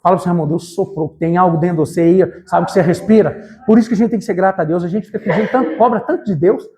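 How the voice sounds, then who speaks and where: A man preaching an evangelical sermon in church, fervent and emphatic, addressing the congregation directly and rising to shouts. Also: high voice, very fast.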